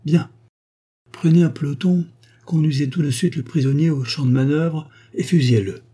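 A man voicing a stern army general who gives cold, clipped orders, in a dark, husky voice. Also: a little high, normal speed, pitched above the performer's own voice.

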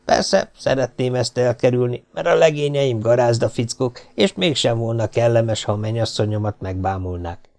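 A man reading an audiobook voices a cruel, mocking male bandit leader who speaks in a slow, self-assured, taunting way. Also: mid-range voice, vocal fry, darkish tone, lightly acted. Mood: menacing.

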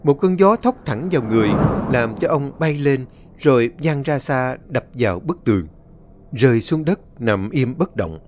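A male storyteller narrating a horror story in a dramatic, expressive reading. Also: mid-range voice, moderate pace, a little hiss or hum. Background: faint music.

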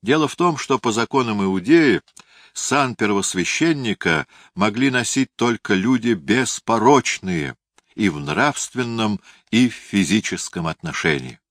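A man narrating a historical novel as an audiobook reader, in a measured, dramatic reading. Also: fairly low pitch, expressive, a bit bright, dry recording, studio quality.

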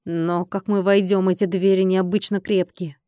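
A woman voicing a low, gloomy dragon man. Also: level tone, moderate pace, warm tone, clean tone, dry recording, studio quality, close to an everyday voice. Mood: resigned.

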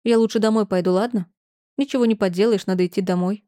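Woman doing a tired teen girl, soft and quiet, brushing him off. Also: mid-range voice, fairly even intonation, quick pace, dry recording, studio quality, natural voice. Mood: weary. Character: teenage girl, tired, evasive, scared.

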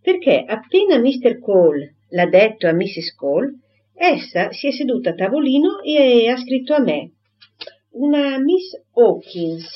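A woman's voice: a little high, very animated, a little slow, highs cut off, pitched above the performer's own voice. A woman voicing a talkative older spinster who rambles breathlessly from one thing to the next. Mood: excited.

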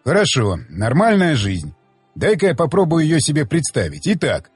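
A man's voice: on the high side, wildly swooping pitch, moderate pace, slightly rough, no room sound, soft background music, heavily acted. A male audiobook reader voicing a blunt, mocking male companion who lectures like a patient mentor. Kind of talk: audiobook dialogue reading.

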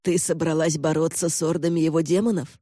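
A man's voice: a little high, level tone, fairly quick, dark tone, husky, dry recording, clean studio sound. A man reading an audiobook and voicing a gaunt older lord who speaks curtly and snaps commands. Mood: commanding. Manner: curt, commanding, snapping.

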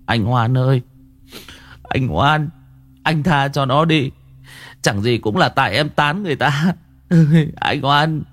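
A man voicing a timid, soft-hearted young village man who stammers and pleads. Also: mid-range voice, normal speed, pauses often, no room sound, natural voice. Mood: pleading.

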